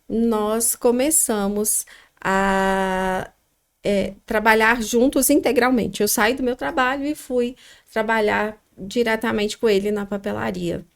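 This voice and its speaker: A middle-aged woman with a Minas Gerais accent, telling her story as a podcast guest, reflective and pausing often with fillers. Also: fairly high pitch, vocal fry. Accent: Minas Gerais Brazilian Portuguese. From Minas Gerais, Brazil. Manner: reflective, pauses with frequent fillers. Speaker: guest, restaurant founder.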